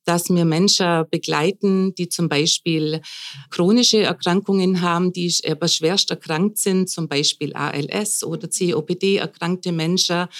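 A woman in her fifties, a palliative care coordinator, explaining her work at length in a conversational podcast interview, with fillers and pauses. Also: on the low side. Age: 50s.

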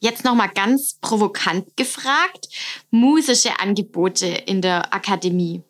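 A woman hosting a podcast interview, asking questions in a calm, measured way. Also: medium pitch. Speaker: podcast host and education officer at a hospice academy.

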